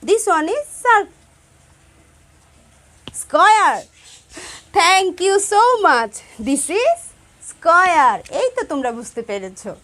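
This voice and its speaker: A woman with a Bangladeshi accent teaching young children English shapes, repeating words slowly and switching between Bengali and English. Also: extremely high pitch, sing-song, a bit bright. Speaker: primary school English teacher. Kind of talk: classroom lesson to young children.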